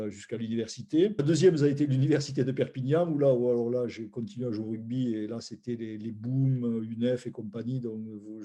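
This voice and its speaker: This older man has a very dark, slightly rough voice at a medium pitch. In his 60s and from Roussillon, southern France, he appears as a guest who founded a food brand, giving an informal spoken account of his life.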